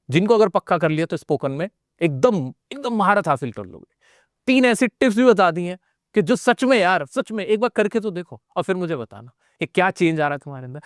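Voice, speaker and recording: A man with an Indian accent teaches an energetic spoken English class, urging his students on and repeating lines to drive them home. His voice sits a little high for a man and sounds smooth and crisp. The recording is close and dry, with no room sound. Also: no echo. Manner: motivational, addresses students directly and repeats phrases. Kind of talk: energetic online class lecture.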